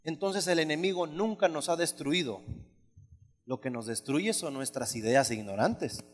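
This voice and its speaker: A male pastor preaching a sermon, emphatic and conversational, often asking the congregation questions. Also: a little slow. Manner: emphatic, shifts from loud high exclamations to low asides. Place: church hall. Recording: hall reverb.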